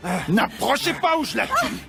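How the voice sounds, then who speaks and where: An actor in a French-dubbed telenovela playing a sadistic, threatening villain who holds women hostage and taunts them. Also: male voice, on the high side, wildly swooping pitch, moderate pace, creaky, full character voice. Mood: threatening, agitated. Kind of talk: dubbed telenovela melodrama acting. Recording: dramatic music behind.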